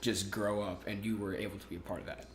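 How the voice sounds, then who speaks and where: Casual interview talk comes from a podcast guest in his twenties who speaks at a quick pace in a lowish voice. He stays relaxed, often restarting and using fillers. The sound is roomy, with a slight hiss or hum underneath.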